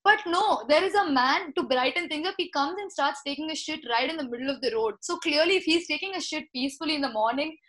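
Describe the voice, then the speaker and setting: A woman's voice: sits high, a bit bright. A young woman, telling a slangy story in casual chat. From India. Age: young adult. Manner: fast, slangy storytelling, says bro a lot.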